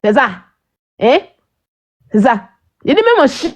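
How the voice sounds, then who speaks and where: Combative high-voiced woman ranting on a live stream. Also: sing-song, unhurried. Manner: combative, mocking, keeps asking "hein?". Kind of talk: heated live stream rant at viewers.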